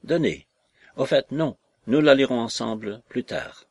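A man's voice: mid-range voice, a little slow, vocal fry, darkish tone, dry recording. A man reading aloud who voices a sullen, curt woman conspirator in short, blunt replies. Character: gruff brooding young woman conspirator. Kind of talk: audiobook character voice.

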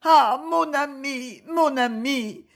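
A woman's voice: sits high, slow pace, pitched above the performer's own voice. A woman doing a tearful grieving noblewoman. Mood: anguished. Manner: pleading, tearful.

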